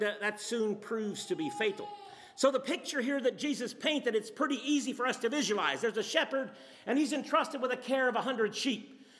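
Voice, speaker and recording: Animated sermon storyteller, man, bright and expressive, in a reverberant church hall. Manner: storytelling, dramatic shifts in pitch and pace. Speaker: preacher.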